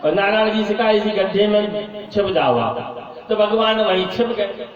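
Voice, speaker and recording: A man with a strikingly high voice tells a devotional story as a katha sermon, acting out each character with lively flair. His voice rings through a very echoey hall, heard from a distance. The sound is dull and lo-fi, with faint music behind. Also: measured pace. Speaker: religious storyteller. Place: large hall or pandal at a religious gathering.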